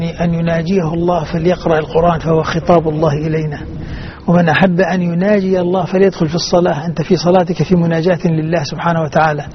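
A man speaking formal standard Arabic as host and teacher of a religious recitation programme, explaining in a didactic way, listing and repeating his points. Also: a little high. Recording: dull band-limited broadcast with faint noise.

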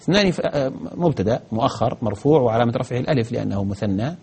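A man's voice: medium pitch, lively intonation, very fast, darkish tone, breathy edge. A man teaching grammar on a broadcast lesson, answering viewer questions methodically, step by step, with frequent hesitations.

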